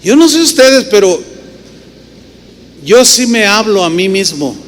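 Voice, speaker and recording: Mexican pastor guy, high voice, animated sermon stories, long echo in a big church, faint hiss. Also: measured pace. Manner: animated storytelling with rhetorical questions. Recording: reverberant hall with faint noise.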